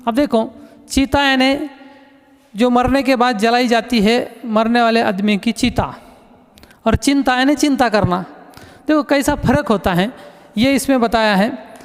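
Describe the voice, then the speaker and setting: His pitch is extremely high, and he talks a little slowly with frequent pauses. This male teacher patiently repeats words as he explains them in a recorded lesson, keeps saying "look," and is heard in an echoey room.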